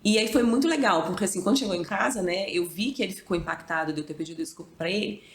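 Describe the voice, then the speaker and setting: A woman's voice: mid-range voice, racing. A woman in her thirties, a mother, talking reflectively in a casual chat. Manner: reflective, animated when quoting others. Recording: echoey room.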